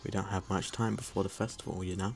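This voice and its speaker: A young man reading a calm, encouraging young female club president from a visual novel. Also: low-pitched, fast talker, gravelly, over music. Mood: gentle.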